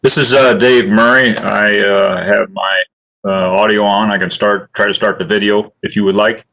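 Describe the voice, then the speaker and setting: A man's voice: lowish voice, fairly even intonation, moderate pace, bright, forceful tone, low-quality recording. A man testifying as a witness at a formal hearing, giving short, somewhat hesitant answers. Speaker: witness, utility regulatory manager.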